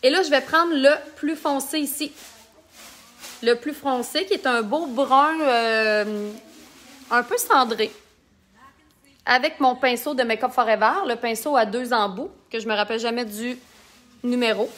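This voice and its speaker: A woman's voice: fairly high pitch, a little slow, long pauses, fairly bright tone. A woman with a Québécois accent, chatting and joking while she demonstrates makeup in a casual live tutorial and reads out viewer comments. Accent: Québécois French. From Quebec.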